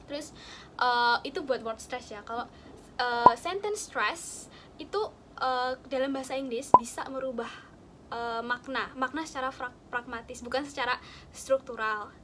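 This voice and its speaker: A woman's voice: sits high, a little slow, very noisy. A young woman casually explaining study tips to a friend, chatty and full of fillers and examples. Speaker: student sharing study tips.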